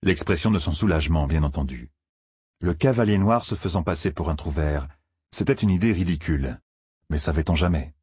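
A man narrating a fantasy novel as an audiobook, expressive storytelling. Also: rumbling low, fairly quick, husky, dry recording, clean studio sound.

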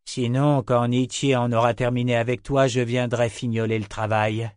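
A man voicing a blunt, tough warrior woman with a gruff, threatening manner. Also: mid-range voice, little pitch movement, normal speed, a little mellow, no echo, clean studio sound, natural voice.

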